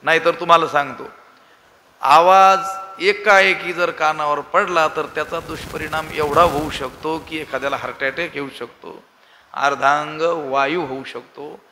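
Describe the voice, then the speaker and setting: Bright-voiced preacher man, hall echo. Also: a little high, fairly even intonation, measured pace, a little hiss or hum. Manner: rhetorical questions, sudden loud emphasis. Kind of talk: devotional scripture discourse.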